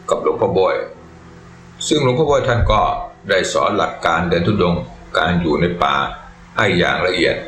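A man narrating a Buddhist monk's life story in a calm, measured, reverent way. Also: sits low. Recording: echoey room with faint music. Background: faint music.

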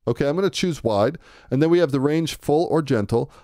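A man giving a relaxed, conversational music production tutorial, thinking aloud as he works. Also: a little high, a little fast, dry recording, studio quality. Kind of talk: screen-recorded software tutorial. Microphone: close to a studio microphone.

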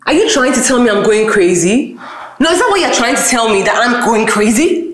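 A woman's voice: on the high side, animated, a little fast, natural voice. An actress playing a confused young wife, restless and questioning as she recovers from an accident. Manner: restless, questioning, with a wide-ranging voice.

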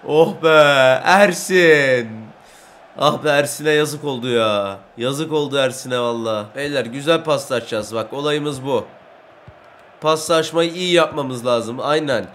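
A young man giving excited Let's Play commentary over a football video game, breaking into loud shouts and trash talk at the players. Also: mid-range voice, moderate pace, a little hiss or hum. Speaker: gaming YouTuber.

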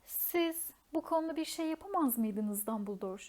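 A woman voicing a stern, anxious female professor who speaks in a hushed, urgent whisper, in a storybook reading. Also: sits high, lively intonation, normal speed, voice pushed up.

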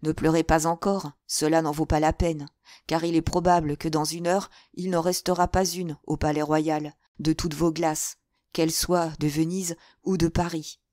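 A woman's voice: low voice, little pitch movement, moderate pace, dark tone, dry recording, studio quality, close to an everyday voice. Woman doing a brash, fearless musketeer. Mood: urgent. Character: bold, cool-headed male musketeer officer.

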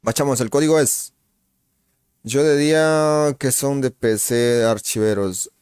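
A man hosts a live game stream, his voice sitting at an ordinary middle pitch. He talks in relaxed, slangy banter, greeting viewers one by one and reacting aloud to the fight on screen. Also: unhurried, clear, resonant tone, no room sound, studio quality. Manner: greets viewers by name while reacting to the match. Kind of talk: casual live-stream gaming chatter.

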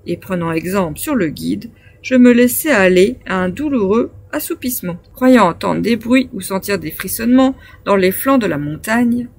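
A woman reading a classic adventure novel aloud as an audiobook narrator, in a measured, phrase-by-phrase delivery. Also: on the high side, creaky. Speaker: audiobook reader.

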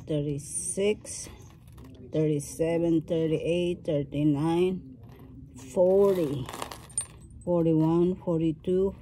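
Woman host of a craft tutorial, low mellow voice, very slow unhurried delivery, faint noise behind. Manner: slow, thinking aloud while working with her hands.

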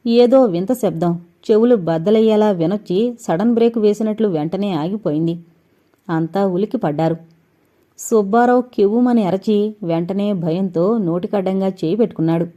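A woman narrating a suspense novel as an audiobook reader, in steady storytelling. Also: mid-range voice, dull audio.

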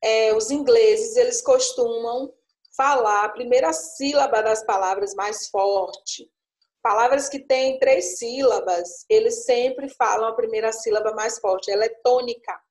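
A woman's voice: on the high side, unhurried, darkish tone, reverberant. A woman teaching an English lesson, explaining patiently and checking in with frequent little questions. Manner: coaxing, frequent tag questions. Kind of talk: online class explanation.

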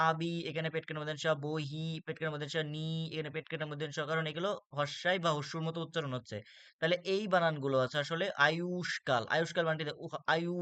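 A man's voice: on the high side, sharp tone, smooth, no room sound. A man with a Bangladeshi Bengali accent teaching a spelling lesson for exam students, explaining step by step and repeating words with frequent "ah" fillers.

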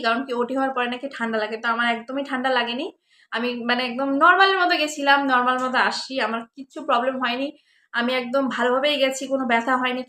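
A young woman tells her story in a casual vlog, talking quickly with a slightly high voice. She keeps stopping and restarting her sentences and leans on fillers as she goes. The recording sounds roomy and echoey, with faint noise underneath. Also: sharp tone. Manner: chatty, filler-heavy retelling with many restarts. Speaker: vlogger.

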